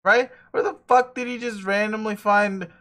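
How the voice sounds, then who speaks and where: Male reader doing a profane, self-mocking cool teen boy; rambling, slightly high voice, webcomic reading. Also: fairly even intonation, normal speed, a bit bright. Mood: laughing. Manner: profane, rambling, laughs a lot.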